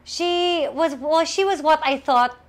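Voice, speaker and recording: A woman's voice: high voice, unhurried. A woman in her thirties from Australia, co-hosting a casual home podcast, playful and mixing English with Filipino, on a lapel mic. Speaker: podcast co-host. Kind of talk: casual chat. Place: home in a busy city district.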